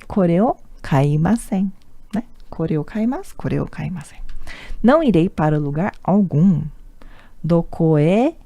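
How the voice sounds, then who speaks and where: Slow, patient woman teaching a lesson. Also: fairly low pitch, animated, warm tone, no echo. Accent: Brazilian Portuguese. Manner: patient, repeats words often, tag questions. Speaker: Japanese teacher. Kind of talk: online language lesson.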